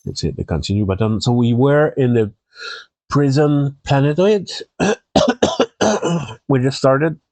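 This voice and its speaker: A Twitch streamer, sounding tired and congested, chats casually on a live stream, rambling easily with fillers and restarts. His voice is medium-pitched and darkish, at a moderate pace, with no echo.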